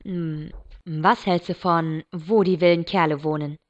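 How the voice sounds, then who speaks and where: A woman reading the part of a calm, caring young man who soothes a child. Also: fairly low pitch, unhurried, voice pushed down, close to an everyday voice. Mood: soothing. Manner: soft, soothing. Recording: dull lo-fi recording.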